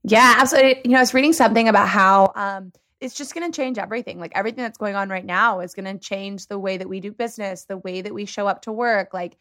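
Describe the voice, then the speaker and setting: A woman's voice: medium pitch, quick pace, few pauses, a bit bright. A woman hosting a casual chat, agreeable and chatty. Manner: chatty, agreeable, laughs easily.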